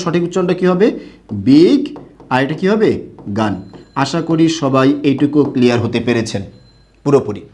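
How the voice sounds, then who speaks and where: A young man from Bangladesh teaching a grammar lesson, asking the class questions and answering them himself. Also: fairly high pitch.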